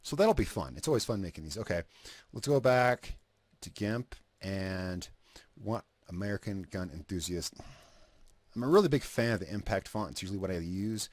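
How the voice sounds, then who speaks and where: With no room sound on the recording, a man with a low, animated voice speaks at a normal speed while narrating a video edit in casual screen-recording commentary. He thinks aloud around a cigarette, trailing off, restarting, and swearing casually.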